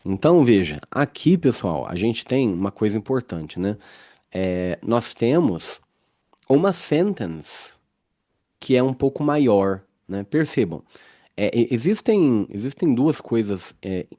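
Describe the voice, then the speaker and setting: Patient low-voiced man teaching English grammar. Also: big pitch swings, dark tone. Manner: explains patiently, reads example sentences slowly; frequent "né?" checks with students. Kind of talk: recorded grammar lesson.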